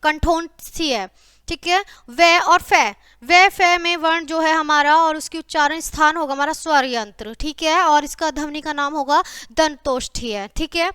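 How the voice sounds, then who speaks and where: A woman teacher walks children through a grammar lesson, checking in with "okay" after nearly every point. Her voice sits high and sounds bright and forceful. The recording is close and dry. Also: unhurried, dry recording. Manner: repeats "ठीक है" and addresses "बच्चों" constantly; lists example words one by one. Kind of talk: classroom grammar lecture.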